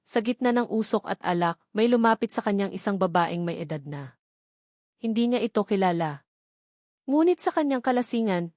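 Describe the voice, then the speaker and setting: Narrating a scripted dramatic audiobook story, a woman with a Filipino accent speaks in a slightly mellow, medium-pitched voice. The audio is studio quality, with no room sound.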